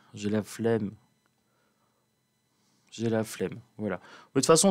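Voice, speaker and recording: A man with a calm, slightly sleepy morning voice, chatting easily and playfully to his viewers. His pitch sits in the ordinary middle range, and he takes his time, relaxed and friendly, as he shows a deck of cards. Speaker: cartomancer presenting an oracle deck. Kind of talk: casual chat to viewers.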